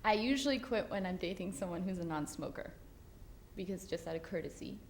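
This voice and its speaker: A woman's voice: on the low side, fairly quick, slight background noise. A woman in her late twenties giving candid interview answers, speaking frankly and laughing at herself now and then. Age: 20s.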